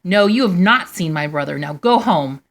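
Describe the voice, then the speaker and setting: A woman's voice: lowish voice, lively intonation, moderate pace. A woman playing a stern, commanding guardian sister in a storybook, speaking firmly and with challenging emphasis. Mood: dismissive. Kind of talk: storybook character voice.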